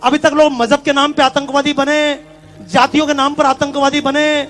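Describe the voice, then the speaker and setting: A man's voice: extremely high pitch, little pitch movement, normal speed, fairly bright tone, soft background music. A man giving a fiery speech from a stage to a live audience, firing rhetorical questions at the crowd. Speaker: public speaker.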